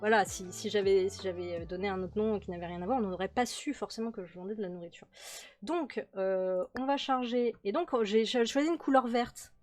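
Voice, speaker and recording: A woman's voice: mid-range voice, a little fast, a little mellow. A woman hosting a game commentary video, chatty, with many fillers and repeated words. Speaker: host playing a management game. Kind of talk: casual let's-play commentary. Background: faint background music.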